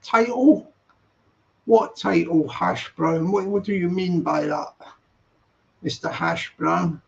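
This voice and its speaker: Slow and creaky, a man's high-sitting voice drifts through a casual live stream as he reads viewer comments out loud and responds. His talk rambles and repeats itself, all captured in dull, lo-fi audio.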